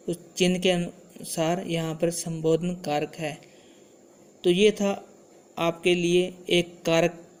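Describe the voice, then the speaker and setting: Guy teaching grammar slow and steady, kinda high voice, flat delivery. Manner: slow, repeats examples. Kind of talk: Hindi grammar lesson.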